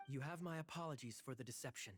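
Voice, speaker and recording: A man's voice: medium pitch, fast, soft background music, close to an everyday voice. Man voicing a suave sarcastic game knight. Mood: sly. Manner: smooth, teasing.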